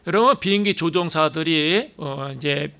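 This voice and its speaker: A man preaching a sermon with emphatic force, his voice sitting a little high for a man. He presses his points with rhetorical questions and short affirming interjections between phrases. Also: lively intonation, normal speed, gravelly, a bit bright, clear, resonant tone. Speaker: pastor.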